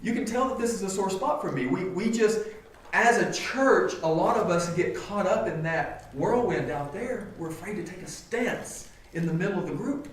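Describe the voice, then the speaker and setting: A man's voice: high voice, expressive, moderate pace, slight background noise. A man preaching a sermon as pastor, talking to his congregation in an earnest, conversational way full of rhetorical questions. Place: church sanctuary. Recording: echoey church hall, mic at a distance.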